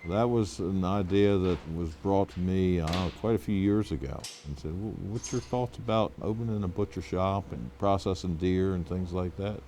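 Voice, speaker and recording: A man working as a prison warden, answering interview questions in a halting way with many fillers. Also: low-pitched, warm tone, slight background noise.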